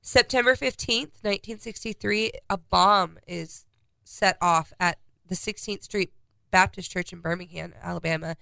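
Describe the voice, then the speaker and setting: A woman's voice: fairly low pitch, fairly even intonation, moderate pace, gravelly, pushed and bright, dry recording. A congested woman co-hosting a casual podcast, reading out a timeline of historical dates. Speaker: podcast co-host.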